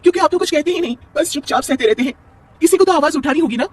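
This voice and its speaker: A man voicing a sharp-tongued, defiant young married woman in a storybook tale. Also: very high voice, animated, quick pace, a little hiss or hum, voice pushed up.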